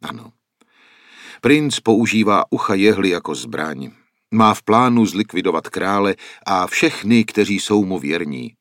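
A man's voice: low-pitched, lively intonation, fairly bright tone, no echo, studio quality. Man reading a grave old wandering painter. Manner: earnest, solemn explaining.

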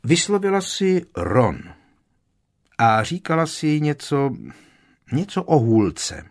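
A man's voice: fairly high pitch, big pitch swings, darkish tone, pitched above the performer's own voice. A man reading aloud and voicing an earnest teenage boy wizard in a raised, eager tone.

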